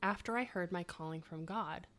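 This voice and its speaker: Reading quiz clues and chatting as a podcast co-host, this woman in her thirties laughs a lot and makes self-mocking asides. She has a lowish, fairly bright voice at a moderate pace.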